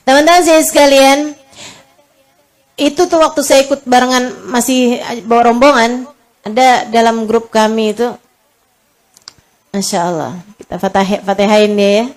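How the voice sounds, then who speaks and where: A woman gives an Islamic lecture in an easy, conversational way. She tells stories to her listeners, playing out each person's words, and her voice sits a little high. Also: steady tone, normal speed, pauses often. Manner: conversational, addresses audience as friends, acts out dialogue. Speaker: religious preacher.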